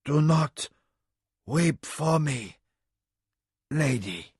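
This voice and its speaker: A man's voice: on the high side, lively intonation, extremely slow, a little mellow, slightly rough, no room sound, clean studio sound, full character voice. A man voicing an old wounded warrior who is dying, speaking in a faint whisper.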